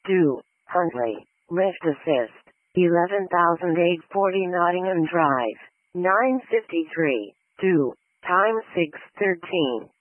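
Slow, formulaic emergency dispatcher over muffled radio. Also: medium pitch, expressive, dry recording. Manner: measured, repeats each address. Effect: radio pager transmission.

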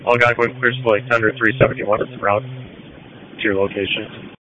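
A man's voice: mid-range voice, steady tone, normal speed, pushed and bright. A man on a fire tender crew giving procedural status reports over radio from a vehicle. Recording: muffled radio with faint vehicle noise.

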